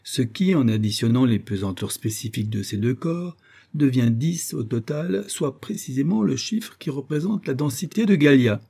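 A man's voice: medium pitch, lively intonation, moderate pace, gravelly, mellow, husky, pitched above the performer's own voice. A man voicing a cantankerous, proud old astronomer professor who lectures precisely, stressing each syllable. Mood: lecturing.

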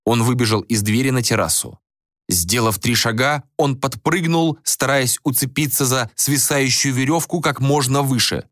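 A man narrating a fantasy novel as an audiobook, reading in an animated, expressive way. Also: mid-range voice, moderate pace, dry recording, clean studio sound.

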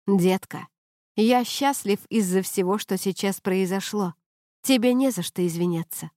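A woman reading an audiobook, voicing a calm, wry young man who speaks low-key. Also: measured pace, dry recording, studio quality, close to an everyday voice. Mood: tender.

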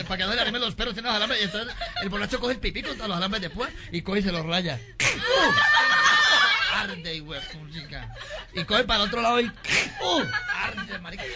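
A man telling jokes live, in lively storytelling that breaks into shouts and laughter, on a noisy live recording. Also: high-pitched. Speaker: stand-up joke teller.

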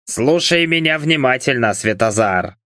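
A man voices a hoarse, drunken, angry middle-aged baron, speaking slowly and menacingly in a medium-pitched, sharp voice with lively intonation, his lines cold and commanding. The audiobook recording is dry and close-miked, with no room sound.

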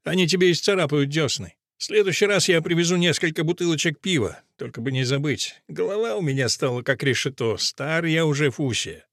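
A man reading an audiobook, voicing a weary, patient old man who mutters and tries to calm his friend. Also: fairly high pitch, brisk, hardly any pauses, no room sound, studio quality. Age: older. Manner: muttering, calming.

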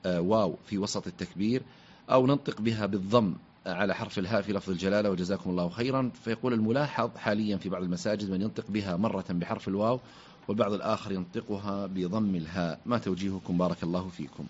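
A man presenting a radio show in a brisk, formal manner, reading out listeners' questions, on a dull lo-fi recording. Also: on the low side, breathy edge.

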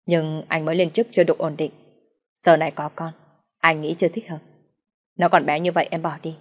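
A woman reading the lines of a cold young husband who wants no child, in a flat, dismissive voice. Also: low-pitched, fairly quick, long reverb tail. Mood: persuading.

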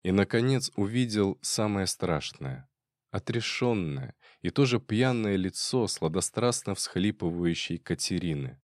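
A man narrating a crime story in a measured, dramatic reading. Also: sits low, lively intonation, no echo, studio quality. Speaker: audiobook narrator.

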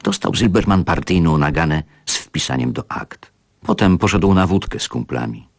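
A man narrating a literary story on radio in a measured, expressive manner, over background music. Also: sits low, creaky. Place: radio studio.

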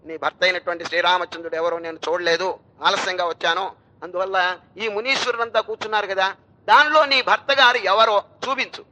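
A woman's voice: mid-range voice, steady tone, fairly quick, bright, forceful tone, lightly acted, low-quality recording. A male preacher voicing an eager village woman who politely coaxes and pleads. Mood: pleading. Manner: politely coaxing.

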